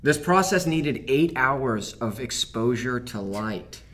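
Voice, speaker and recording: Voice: medium pitch, expressive, slow pace, fairly bright tone. A podcast co-host chatting casually, playful and sarcastic. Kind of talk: casual chat.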